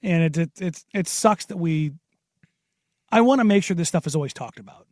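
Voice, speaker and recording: A man with an American accent and a raspy, hoarse smoker's voice, chatting casually and bluntly as a sports radio host. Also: fairly high pitch, animated, normal speed, a little mellow, dry recording, clean studio sound. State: hoarse from long covid. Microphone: close studio radio microphone.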